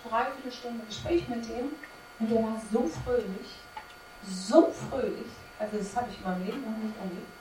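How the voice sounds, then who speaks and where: A woman's voice: a little high, darkish tone, slight background noise. A woman preaching a sermon to her congregation, emphatic and full of rhetorical questions. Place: church service. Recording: echoey room from a distance, faint ambience.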